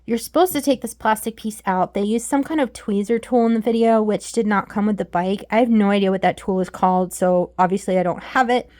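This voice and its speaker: A woman's voice: medium pitch, a little fast, hardly any pauses, a little mellow. A woman giving a chatty, candid product review while sitting on an exercise bike at home, a little out of breath. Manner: chatty, candid, self-deprecating. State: slightly out of breath from pedaling. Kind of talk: casual product review vlog.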